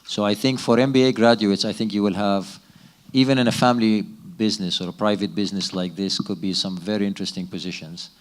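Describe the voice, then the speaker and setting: A middle-aged man from Sudan with a fairly low voice, fielding questions at a conference. He speaks in a measured, thoughtful way, stopping and restarting his sentences as he works out his answers. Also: steady tone. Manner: measured, with frequent restarts and hesitations. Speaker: business executive, keynote guest. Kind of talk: fireside chat Q&A answers.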